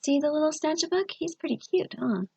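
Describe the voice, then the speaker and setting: A woman librarian reading a picture book aloud to children, with expressive sing-song storytelling and questions to her young listeners. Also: high voice, a little fast, gravelly, no room sound, highs cut off.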